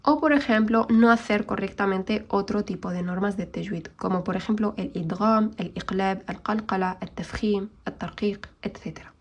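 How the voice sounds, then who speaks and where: A woman teaching an online recitation lesson, explaining patiently and modelling Arabic sounds slowly. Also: mid-range voice.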